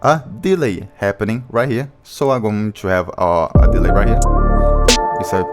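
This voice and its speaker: A man with a deep voice talks expressively at a normal speed, explaining each stage of making a beat in slightly non-native English. His casual screen-recorded tutorial has beat music playing underneath.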